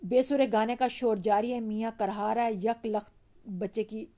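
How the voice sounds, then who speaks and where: A woman's voice: on the high side, normal speed. A woman teacher with a Pakistani Urdu accent reads a lesson aloud. She acts out its dialogue and then explains each line. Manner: reads the dialogue with raised, animated voices, then explains in a calmer voice.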